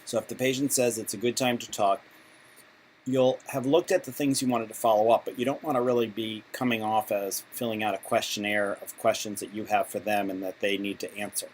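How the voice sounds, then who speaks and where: A low-voiced man with little pitch movement explains things to patient volunteers, using role-played examples in an informal lesson. His phrasing is halting and conversational with frequent restarts, and the amateur recording is clearly noisy.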